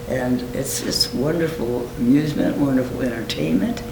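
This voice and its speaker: Man usher, warmly enthusiastic testimonial, roomy echo with an audible rumble behind. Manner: enthusiastic, chuckling. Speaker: volunteer usher. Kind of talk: interview testimonial. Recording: roomy recording with clear hum.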